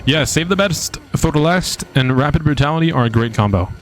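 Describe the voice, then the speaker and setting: A man streaming a video game and commentating live, casual and excitable, swearing freely. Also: fairly high pitch, a little fast.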